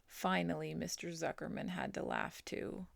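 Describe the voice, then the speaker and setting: Woman reading a storybook aloud, unhurried, gravelly voice, dry close sound. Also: on the low side, huge pitch swings, no echo. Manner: slow, gentle reading with soft whispered passages. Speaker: storybook reader. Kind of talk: reading a children's novel aloud.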